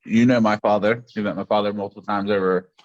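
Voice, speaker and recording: A man's voice: on the low side, fairly even intonation, fast, no echo. A man from West Virginia co-hosting a casual podcast, telling a family story with dry jokes. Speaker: podcast co-host. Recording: dull dry podcast mic.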